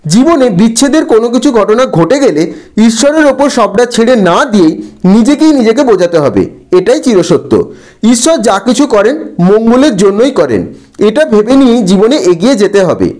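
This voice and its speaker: A man explains textbook answers to students. His delivery is slow and deliberate, spelling out words syllable by syllable, and his pitch moves in a lively way. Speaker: teacher.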